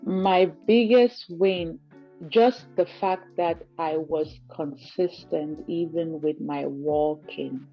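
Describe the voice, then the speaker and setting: A woman's voice: low-pitched, slow pace, dull audio, soft background music. A woman from Cameroon giving a testimonial in an interview, earnest and reflective, often saying "you know". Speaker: guest giving a client testimonial. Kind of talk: conversational interview over a call.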